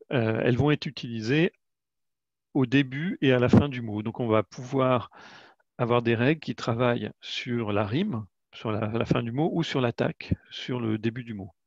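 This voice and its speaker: Over a video call on a computer mic, a man presents his educational card games in a webinar, hesitating often with "euh" fillers and restarts. His mid-range voice is gravelly and a little slow, and the audio is dry, dull, and lo-fi.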